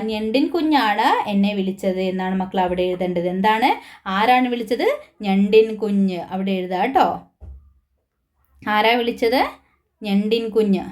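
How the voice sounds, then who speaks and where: A young woman teacher giving a recorded lesson to small children, coaxing them with questions and answering them herself. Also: on the high side. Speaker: primary school teacher.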